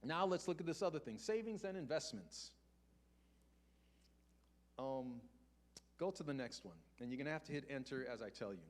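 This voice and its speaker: An older man giving a conversational finance talk to a church congregation. He asks rhetorical questions and slows down to repeat key points. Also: medium pitch, expressive. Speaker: guest speaker on personal finance. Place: church sanctuary before a congregation.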